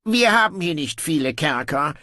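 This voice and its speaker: A man voicing a weary, ruthless young king who talks in gruff, dry sarcasm. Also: on the high side, lively intonation, moderate pace, bright, forceful tone, dry recording, voice pushed up. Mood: sardonic.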